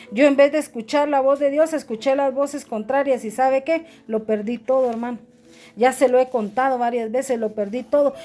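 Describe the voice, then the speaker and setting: A woman's voice: sits high, darkish tone. A middle-aged woman pastor, preaching earnestly and calling her listeners brother. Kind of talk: sermon.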